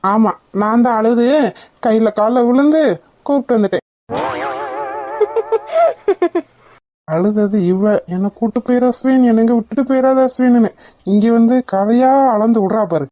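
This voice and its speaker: Woman voicing a gruff young cartoon husband. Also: fairly high pitch, brisk, dark tone, lightly acted. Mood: indignant. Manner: gruff, indignant, bossy. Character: irritable young husband, grandson. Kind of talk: cartoon voice acting.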